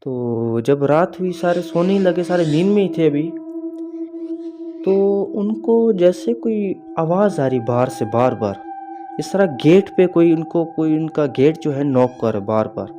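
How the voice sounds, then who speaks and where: A man's voice: fairly high pitch, animated, unhurried, a crowd in the background. A man casually telling a horror story in a rambling way, full of fillers and calling the listener brother. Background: music.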